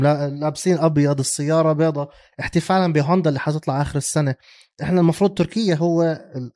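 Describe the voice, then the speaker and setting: A man's voice: on the high side, warm tone. A man with a Levantine Arabic accent co-hosting a casual sports discussion, dropping English terms into his talk. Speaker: motorsport podcast co-host.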